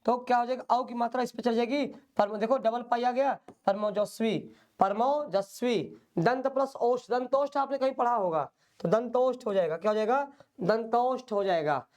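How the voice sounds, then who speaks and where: A man's voice: very high voice, moderate pace, darkish tone. A male teacher giving an online exam-prep lecture, patiently explaining and drilling by repeating questions and answers.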